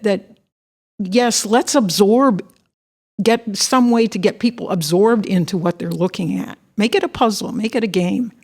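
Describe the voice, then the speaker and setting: A woman, a former art teacher, telling stories in a relaxed panel chat and acting out what people say. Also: mid-range voice. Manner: animated storytelling, acts out quotes. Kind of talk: conversational panel talk.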